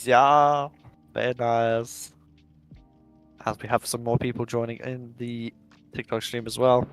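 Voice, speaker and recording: A man's voice: medium pitch, a bit bright. Upbeat male sim-racing commentator. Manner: chatty, upbeat play-by-play, reads out live chat. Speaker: drift race commentator. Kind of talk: live esports commentary.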